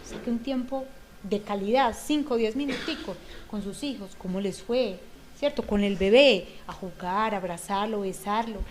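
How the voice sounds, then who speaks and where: A woman's voice: medium pitch, normal speed. A woman with a Colombian accent, talking about raising children on a community TV show, earnest and acting out the lines of parents and children. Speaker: guest speaker on parenting. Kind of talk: talk-show discussion.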